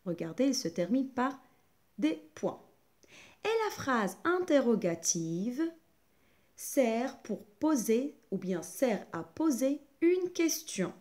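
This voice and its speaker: A woman teaching a grammar lesson to young schoolchildren, speaking slowly and clearly with wide swings of pitch. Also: very animated, darkish tone.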